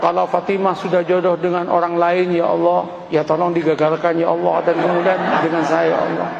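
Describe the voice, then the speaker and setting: A man's voice: sits high, completely flat delivery, brisk, vocal fry, a loud crowd, heavy background noise, voice pushed down. A man voicing a devout, lovesick young suitor who pleads earnestly. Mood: pleading. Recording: roomy hall, dull lo-fi sound.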